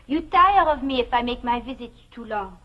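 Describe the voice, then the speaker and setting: An actress performs a refined, flirtatious but uneasy woman in a 1950s television romance. Her voice sits high, with a theatrical polish. The vintage soundtrack is dull. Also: expressive, normal speed, close to an everyday voice. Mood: coy. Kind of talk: 1950s television drama acting.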